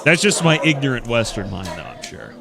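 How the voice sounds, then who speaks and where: A man's voice: medium pitch, wildly swooping pitch, brisk, gravelly, a loud crowd, heavy background noise. A young American man commenting casually on a live stream, rambling with lots of fillers, wry and blunt.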